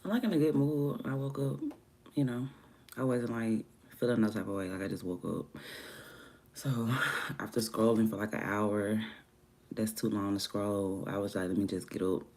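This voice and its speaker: A livestreamer and music artist chats from home on a morning stream at normal speed. Having just woken up, her voice sits deeper than usual as she rambles, alternating between soft murmurs and livelier moments.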